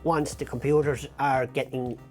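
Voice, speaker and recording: An Irish man, a mechanic, explaining his routine informally in a halting, plain-spoken way. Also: medium pitch, little pitch movement, darkish tone, faint music behind. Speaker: lifeboat mechanic.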